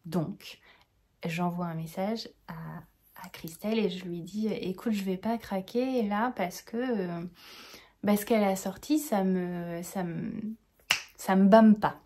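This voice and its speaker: A woman with a warm, mellow voice hosts a casual knitting chat. She rambles cheerfully, full of enthusiasm. Now and then she drops to a soft whisper. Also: medium pitch, unhurried. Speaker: knitting podcaster.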